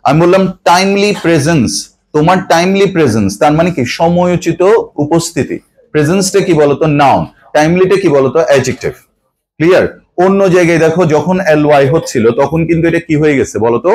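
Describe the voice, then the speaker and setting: A man's voice: on the high side, animated, a little fast, a little mellow, low-quality recording. A man teaching an English grammar lesson to a class. He keeps asking the students questions and mixes Bangla with English.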